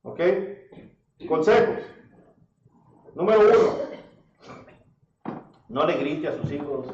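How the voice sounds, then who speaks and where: A high-pitched man preaches, throwing rhetorical questions at his congregation. He sounds distant from the mic, in a roomy church, on a dull recording with faint hiss. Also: expressive, extremely slow, a little mellow. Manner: addresses listeners as brother, asks rhetorical questions. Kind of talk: sermon. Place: church hall. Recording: echoey church audio from far off, dull and slightly noisy.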